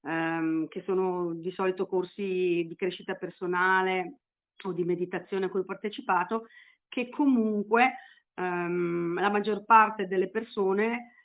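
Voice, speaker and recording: A woman's voice: fairly low pitch, steady tone, a little slow. A woman calling in to a radio show, speaking politely and hesitantly through a tinny phone line. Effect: heard through a call-in phone line.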